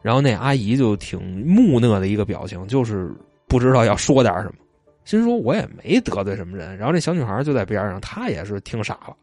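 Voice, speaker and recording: A man's voice: fairly low pitch, big pitch swings, fairly quick, a little mellow, no echo, soft background music. Chatty man telling stories. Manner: chatty, retells stories with loose asides. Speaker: storyteller. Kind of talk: casual storytelling chat.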